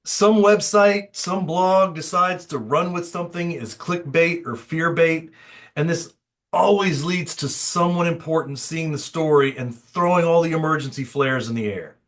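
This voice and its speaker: A man's voice: fairly high pitch, a little slow, fairly bright tone. Dry-humored male podcast co-host. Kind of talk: casual chat.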